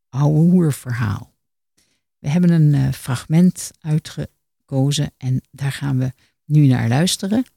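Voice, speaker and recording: A man presenting a scripted radio book review in a measured, literate way. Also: on the high side, gravelly, mellow, no echo, studio quality.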